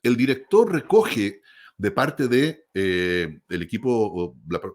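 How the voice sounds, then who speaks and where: A man who produces audiobooks, explaining the craft in a measured way and often checking in with the listener. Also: lowish voice, very animated. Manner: measured, explanatory, frequent tag questions. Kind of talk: explanatory talk.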